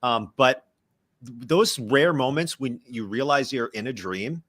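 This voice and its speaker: A man's voice: mid-range voice, animated, a little slow, a bit bright, no echo. A man co-hosts a casual podcast, talking in a mid-range voice. The recording is dry and close, and he chats with lots of fillers and self-conscious asides. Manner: chatty, many fillers and self-aware asides. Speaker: podcast co-host. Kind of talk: casual chat.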